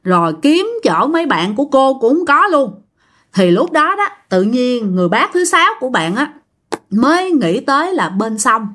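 A woman's voice: sits high, big pitch swings, moderate pace, fairly bright tone. A woman with a Southern Vietnamese accent casually telling a ghost story, chatting directly to her listeners.

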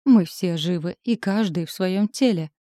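A woman narrating a first-person audiobook in an expressive, emotional way. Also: lowish voice, normal speed, no room sound, clean studio sound.

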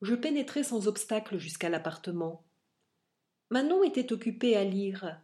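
A woman narrating a classic novel as an audiobook reader, in an expressive, literary reading style. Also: mid-range voice, normal speed.

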